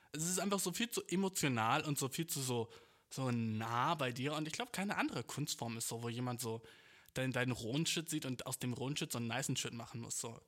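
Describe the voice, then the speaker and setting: Young male podcaster, slightly high voice, rambling street-slang monologue full of swearing. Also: fairly bright tone. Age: 20s. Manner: loose and rambling, swears often, mixes in English slang. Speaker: podcast host and amateur musician.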